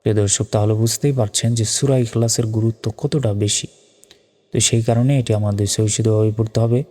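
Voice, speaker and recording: A man with a Bangladeshi Bengali accent teaching Quran pronunciation, spelling out each word letter by letter and chanting it slowly. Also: lowish voice, fairly even intonation, dark tone. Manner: spells words letter by letter, drawn-out chanted recitation. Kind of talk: spoken lesson on Quran pronunciation. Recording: long reverb with faint music.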